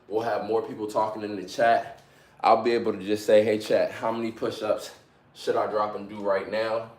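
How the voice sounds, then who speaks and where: A man in his twenties live-streaming from home, chatting casually with his viewers between sets of push-ups in an upbeat, hyped, slangy, motivational way. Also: fairly low pitch. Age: 20s. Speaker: livestreamer. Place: at home during a workout.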